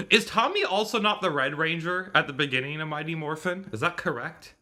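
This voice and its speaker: A man in his thirties hosts a live stream reading along with a visual novel, chatting casually. His mid-range voice sounds pushed and bright, and he rambles, digresses and frequently corrects himself.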